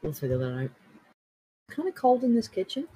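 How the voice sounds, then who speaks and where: A man chatting casually while gaming, quick to tease and jumping up in excitement. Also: extremely high pitch, a little hiss or hum, rough recording. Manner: animated, jumpy, teasing. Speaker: podcast guest.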